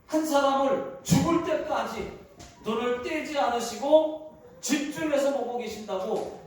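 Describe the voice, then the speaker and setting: A man's voice: very high voice, measured pace, darkish tone, a little hiss or hum. A male pastor delivering a sermon in a church, repeating words for emphasis. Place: church hall. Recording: echoey hall, far from mic.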